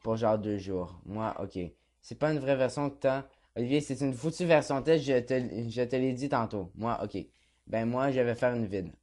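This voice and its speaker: A man's voice: medium pitch, normal speed, a little mellow. A young man with a Quebec French accent casually reads a chat log aloud as a gaming vlogger, mumbling and swearing offhand.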